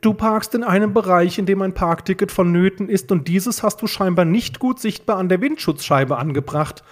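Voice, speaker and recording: A level, precise voice of a clever young man explaining with calm superiority, as a man reads him. The tone is slightly raised and husky. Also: high voice, normal speed, voice pushed up. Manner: composed, precise. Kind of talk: audiobook reading.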